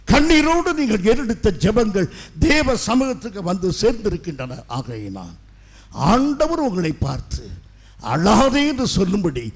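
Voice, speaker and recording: A middle-aged male pastor preaching an impassioned sermon, swinging between loud declarations and hushed asides. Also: a little high, breathy edge.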